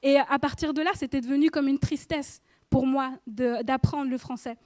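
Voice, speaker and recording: A woman's voice: sits high, steady tone, normal speed, darkish tone, no echo. A woman in her thirties giving an informal sermon in church, chatty and speaking directly to the listener with frequent questions. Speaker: preacher.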